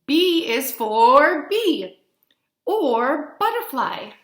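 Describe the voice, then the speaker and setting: Speaking very slowly with big swings in pitch, this thirty-something teacher's voice sits high as she leads young children through a read-along lesson. She keeps her explanations simple, puts questions to her listeners often, and leans on key words and letter names. Her webcam picks up a roomy echo from the small, plain-walled indoor room.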